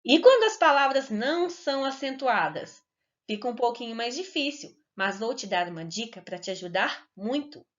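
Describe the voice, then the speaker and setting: Woman teacher for kids' video lessons: bright sing-song delivery, deliberate syllable stretching, muffled low-fi sound. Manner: slow, clear and sing-song, stretching words to stress syllables. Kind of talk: recorded lesson for children. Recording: dull lo-fi recording.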